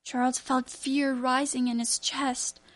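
A woman narrating a children's story aloud in a clear, even reading manner. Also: high-pitched, a little slow.

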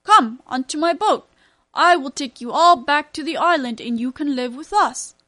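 A woman doing a loud, generous storybook king. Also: high-pitched, animated, normal speed, no room sound. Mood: proclaiming. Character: generous king, commanding and welcoming.

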